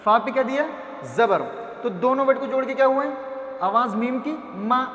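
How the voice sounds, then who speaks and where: A man with a very high voice teaches Quran reading, drilling syllables one by one and answering his own questions. He drags out the long vowels slowly and patiently. The sound rings with long echo, like a big hall. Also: fairly bright tone, lo-fi sound. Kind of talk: patient step-by-step phonics lesson.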